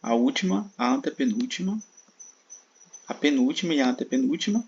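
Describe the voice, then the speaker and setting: A man's voice: fairly high pitch, lively intonation, brisk, creaky, darkish tone, breathy edge. A man with a Brazilian Portuguese accent teaching an exam-prep lesson, patiently explaining and often checking in with his listeners. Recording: dull sound with faint crickets.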